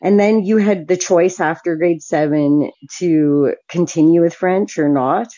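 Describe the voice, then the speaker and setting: In an unhurried, mellow, lowish voice, a Canadian stream host aged forty talks casually and candidly with a caller, often breaking into laughter. The recording is muffled.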